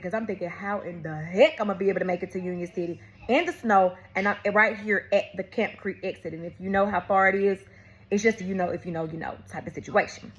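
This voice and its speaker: A woman's voice: medium pitch, dull audio. Woman telling a story to viewers. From Atlanta, USA. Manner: talks straight to viewers, calls them y'all and baby; animated storytelling with frequent restarts. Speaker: vlogger. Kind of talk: casual testimony storytelling.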